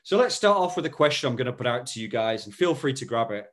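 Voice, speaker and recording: A man's voice: medium pitch, very animated, fast talker, fairly bright tone. Upbeat male podcast host. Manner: upbeat, promotional. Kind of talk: scripted intro and interview hosting.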